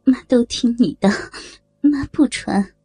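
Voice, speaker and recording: A woman's voice: fairly high pitch, slow pace, mellow, breathy edge, no room sound, faint music behind, exaggerated voice, rough recording. A woman doing a tearful, pleading mother-in-law. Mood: meek. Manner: begging, submissive, stammering. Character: meek, pleading middle-aged mother-in-law. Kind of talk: erotic audio story acting.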